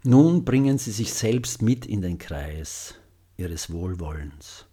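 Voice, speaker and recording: A man with a deep, slightly husky voice leads a guided meditation. He speaks very slowly and gently, leaving long pauses between phrases. The tone is mellow and subdued, and his sentence endings soften. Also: expressive. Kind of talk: guided loving-kindness meditation.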